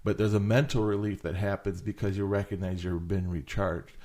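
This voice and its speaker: A man with a somewhat low voice talks through ideas on a ministry podcast. He is thoughtful and plays with words as he speaks. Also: fairly even intonation, brisk, warm tone. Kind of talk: casual ministry podcast discussion.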